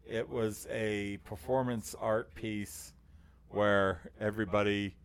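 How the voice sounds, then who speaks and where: A man's voice: fairly low pitch, steady tone, clear, resonant tone. A man co-hosting a casual chat podcast, telling a story with many fillers and frequent laughter. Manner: laughs often, halting with fillers. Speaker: podcast co-host.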